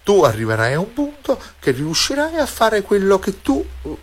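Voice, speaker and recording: A man's voice: high-pitched, huge pitch swings, normal speed. A man with a Neapolitan accent talking bluntly and insistently as a fortune-telling host on a live call-in show, slipping into dialect and repeating himself. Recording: music behind the voice.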